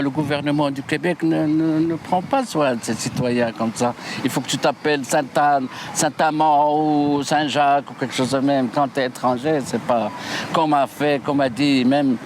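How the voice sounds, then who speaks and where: An older man giving an animated, opinionated answer to a street interviewer. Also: mid-range voice. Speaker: passer-by interviewee. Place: outdoors on a city street. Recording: noisy outdoor street recording. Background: traffic noise.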